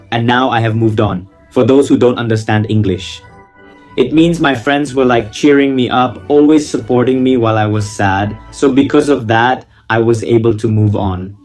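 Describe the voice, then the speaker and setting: A man with a mid-pitched voice gleefully reads out gossip as a casual online host. He uses lots of slang and cuts in with theatrical, mocking reactions. Music plays behind him. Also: darkish tone. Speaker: YouTuber reading viewer confessions. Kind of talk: casual reading of gossip with running commentary.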